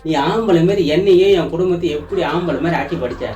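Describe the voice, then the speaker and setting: Guy with a high voice doing a comedy skit, sweet-talking and teasing, echoey room, mic kinda far, music under it. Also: fast, dark tone, dull audio. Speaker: comic actor playing a husband. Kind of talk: comedy sketch acting.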